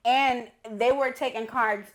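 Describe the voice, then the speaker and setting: A woman's voice: a little high, fairly even intonation, measured pace, a bit bright. A woman from New York, co-hosting a casual food vlog, chatty and laughing often as she tells a story. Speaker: co-host. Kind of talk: casual chat.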